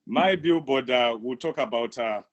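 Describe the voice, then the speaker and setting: A middle-aged man from Zimbabwe, answering interview questions in a measured, halting way. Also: medium pitch, highs cut off. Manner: measured, halting, many pauses. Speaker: guest, human rights activist.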